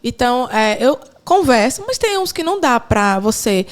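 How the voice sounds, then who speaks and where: High-voiced woman guest. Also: normal speed. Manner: expressive, laughs often, coaching tone. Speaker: podcast consultant guest. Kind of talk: casual chat.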